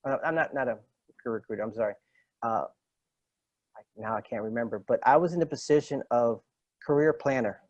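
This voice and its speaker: A man's voice: medium pitch, a little fast, pauses often, darkish tone, no echo, muffled recording. A man in his fifties, a retired Marine sergeant, telling stories in an interview, acting out quoted dialogue with many fillers and restarts. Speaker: retired Marine master gunnery sergeant, podcast guest. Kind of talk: casual interview storytelling.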